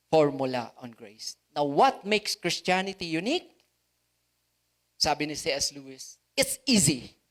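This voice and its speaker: A pastor with a Filipino accent preaches a sermon in a voice on the high side, posing rhetorical questions and leaning on words for emphasis.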